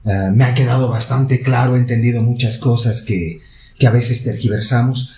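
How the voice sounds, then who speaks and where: A man co-hosting an interview, summarizing what he learned in a measured way. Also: mid-range voice, steady tone, a little mellow, roomy sound.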